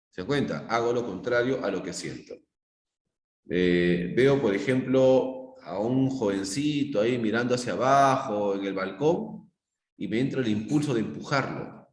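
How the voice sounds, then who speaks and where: A man's voice: medium pitch, darkish tone. A middle-aged Peruvian man teaching a psychology class, explaining with everyday examples and often checking whether the students follow. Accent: Peruvian Spanish. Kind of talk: live online class lecture. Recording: echoey room.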